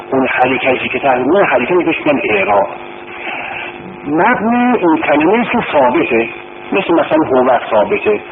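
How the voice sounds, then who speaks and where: A man tutoring Arabic grammar informally, patiently repeating terms and quizzing his student. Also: on the high side. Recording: tinny phone-like recording with background noise.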